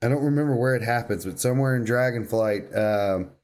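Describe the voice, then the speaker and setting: A podcast co-host chats about games in casual, slangy, emphatic fan talk. His voice is medium-pitched and a little mellow, and he speaks a little fast.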